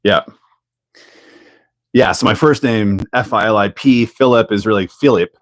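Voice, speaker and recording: Chatty Canadian man, low and dry. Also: a little slow, dry recording. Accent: Canadian English. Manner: chatty, laughs often, answers viewer chat. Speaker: host of a live hobby build stream. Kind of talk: casual live-stream chat while building.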